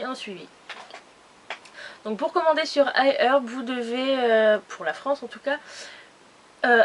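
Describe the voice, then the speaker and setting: Woman beauty vlogger, casual and rambling, slightly high voice, faint noise on the track. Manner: chatty, rambling, many fillers and restarts. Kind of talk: casual haul video chat.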